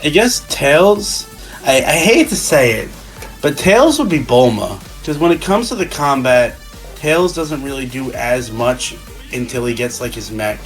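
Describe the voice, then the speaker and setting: A man's voice: medium pitch, animated, poor audio. Drunk man rambling over music. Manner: rambling, halting, repeats and restarts phrases. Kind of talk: casual rambling fan discussion.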